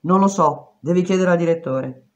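A woman reading aloud voices a curt, evasive woman prison guard who answers flatly, on a dull lo-fi recording. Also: lowish voice, moderate pace, close to an everyday voice.

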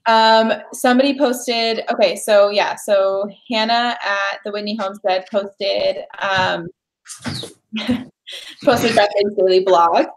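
A woman's voice: medium pitch, fairly even intonation, takes it slowly, rough recording. A woman in her twenties chatting casually on a home livestream over a webcam, bubbly and full of fillers. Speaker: livestream host. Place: living room at home, indoors. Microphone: webcam at desk distance.

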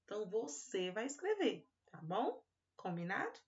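A woman with a Brazilian accent, a kindergarten teacher giving a recorded class for young children. She stretches syllables slowly and talks fondly to the kids. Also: medium pitch, big pitch swings, highs cut off. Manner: drawn-out syllables and fond little-word talk to children.

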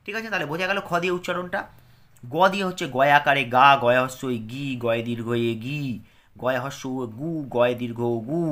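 A man teaching a pronunciation lesson, patiently drilling syllables and checking in with his students often. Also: medium pitch.

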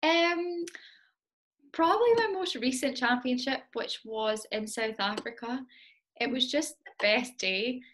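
A woman's voice: high voice, unhurried, fairly bright tone. A young woman answering interview questions about her dancing in a chatty, self-deprecating way, with plenty of ums. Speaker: interview guest, competitive Highland dancer.

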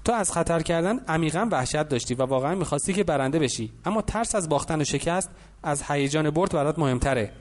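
A man's voice: a little high, animated. A man narrating an audiobook, reading steadily and lightly voicing the characters in the dialogue.

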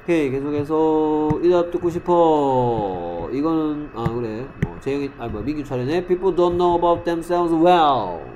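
A man with a slightly high voice leads an English grammar class, calling on students by name and drilling them. He reads English sentences slowly and clearly, then switches back to explain. Faint noise from the room can be heard behind him. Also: darkish tone, lo-fi sound. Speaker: English teacher. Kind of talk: classroom lesson.

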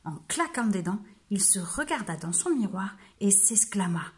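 A woman telling a storybook to young children, reading in a gentle, slow voice. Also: medium pitch, sing-song.

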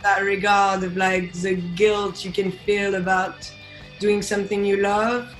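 Interviewed over video call, a young band singer from France speaks casually with a French accent, her mid-range voice showing little pitch movement at a measured pace. She sits indoors by a window, and the audio has a roomy echo with music playing behind her.

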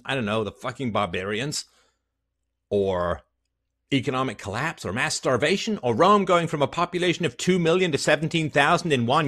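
Wearing a headset mic in a small indoor room with a plain wall, a podcast host in his fifties launches into an impassioned solo rant to camera. He is angry, sarcastic and profane, going from muttering under his breath to loud outbursts.

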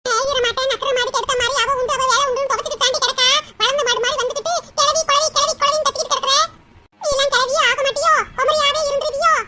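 A woman voicing a quick-tempered old village grandmother in a cartoon, scolding and hurling insults. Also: extremely high pitch, steady tone, background noise. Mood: lecturing. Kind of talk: cartoon voice acting.

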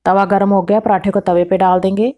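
A woman, narrating a cooking recipe as the channel host, giving calm step-by-step instructions with exact measurements. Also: mid-range voice, fairly quick.

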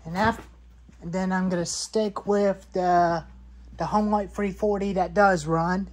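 A woman's voice: mid-range voice, steady tone, measured pace. A woman in her twenties, rambling about saw parts, repeating herself and listing items in a cluttered garage. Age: 20s. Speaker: chainsaw hobbyist vlogger. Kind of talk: rambling show-and-tell in a workshop.

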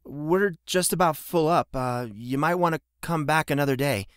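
A man's voice: on the high side, moderate pace, smooth, dry recording, studio quality, pitched above the performer's own voice, lightly acted. A man voicing a timid stable hand who speaks hesitantly and with a tremble. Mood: nervous.

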